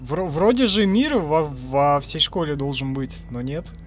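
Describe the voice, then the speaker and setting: A man's voice: on the high side, measured pace. A man in his twenties giving casual, crude let's-play commentary and swearing often. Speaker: gaming streamer. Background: game music.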